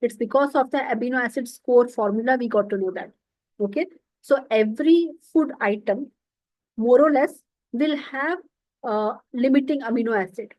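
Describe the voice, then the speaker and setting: A woman's voice: on the high side, normal speed, muffled recording. A woman giving an online nutrition lecture, explaining step by step and often checking in with "okay". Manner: explanatory, repeats terms and says okay often.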